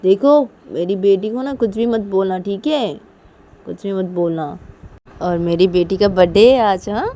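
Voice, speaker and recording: A woman's voice: mid-range voice, a little slow, mellow, lightly acted. A woman voicing a stressed young woman who keeps firing off exasperated questions. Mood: angry.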